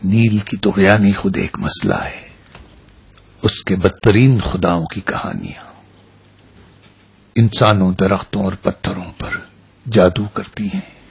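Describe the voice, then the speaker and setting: Aging commander, stern and wise, raspy rough voice, slow grave delivery, dubbed film drama. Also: male voice, low-pitched, fairly even intonation, full character voice. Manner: slow, grave, reflective speech. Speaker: weary army commander.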